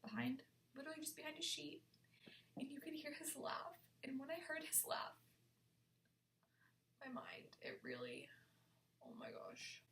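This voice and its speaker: A young woman telling an excited, dramatic storytime, often dropping into whispers. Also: high voice, measured pace, long pauses. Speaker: vlogger. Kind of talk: storytime vlog.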